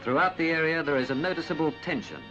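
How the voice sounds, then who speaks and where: A man reading a scripted 1960s documentary narration in a formal, measured, dramatic way. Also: on the high side, music in the background. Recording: dull, band-limited 1960s film soundtrack.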